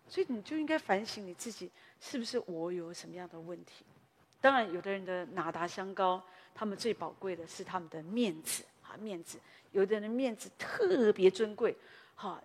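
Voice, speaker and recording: A woman's voice: lowish voice, a little fast, long reverb tail. A woman pastor, preaching a sermon in a conversational storytelling way, often tagging her sentences with small particles.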